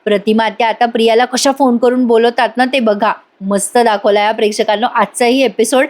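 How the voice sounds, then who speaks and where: High-voiced woman, chatty and enthusiastic, voice-over episode review. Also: fairly even intonation, brisk. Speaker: TV serial reviewer.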